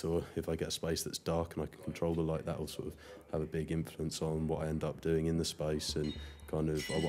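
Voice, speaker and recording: Male artist, extremely low, even voice, conversational, tentative phrasing. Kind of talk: casual interview account.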